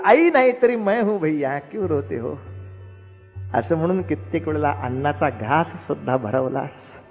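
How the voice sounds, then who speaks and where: A man voicing a remorseful younger brother, a warrior who speaks emotionally and pleads. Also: fairly high pitch. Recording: roomy hall, dull lo-fi, faint music.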